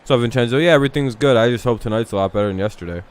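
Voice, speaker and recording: A man's voice: mid-range voice, racing, clean tone. A man hosting a live stream, ranting in casual chat with lots of swearing and "dude.". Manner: profane, ranting, says "dude" constantly. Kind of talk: casual watch-along chat.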